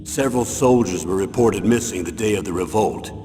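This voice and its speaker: A man's voice: on the low side, fairly quick, mellow, natural voice. A man voicing a grave, earnest retired colonel giving a commanding mission briefing in a video game. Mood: grave, businesslike. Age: older. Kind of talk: dramatic video game voice acting. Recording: long hall reverb, music behind.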